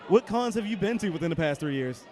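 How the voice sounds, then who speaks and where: Playful, high, lively male convention host. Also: fast talker, a faint crowd. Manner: playful, teasing, announcer-like delivery. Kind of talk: casual interview chat. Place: outdoors at a fan convention.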